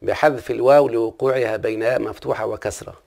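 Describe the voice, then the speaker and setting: A man's voice: mid-range voice, steady tone, quick pace, gravelly, a little mellow. A man with an Egyptian accent teaching a classical Arabic grammar lesson, often stopping to ask his listener questions. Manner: asks the listener frequent check-in questions.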